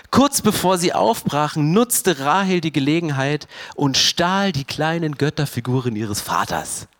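A male pastor delivers a lively sermon in a voice pitched a little high. He swings between loud, emphatic bursts and quieter, lower asides. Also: no room sound.

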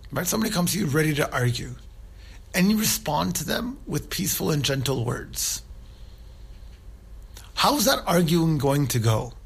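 A man's voice: a little high, very animated, moderate pace, creaky, long pauses, husky. A man giving an informal religious talk, earnest and conversational, who often checks in with his listeners. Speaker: Islamic speaker.

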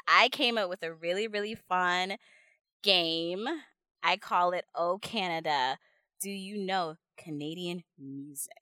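A woman hosting a podcast in an easygoing, playful way, quick to laugh. Her voice is bright and forceful, and the recording is dry and close. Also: fairly low pitch, no room sound. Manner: laughs often, upbeat, playful. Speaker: podcast host. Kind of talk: casual podcast chat.

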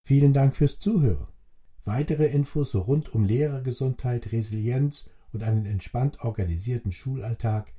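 A man reading a scripted guided relaxation as a podcast narrator, in a measured, instructional way with formal address. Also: medium pitch, warm tone.

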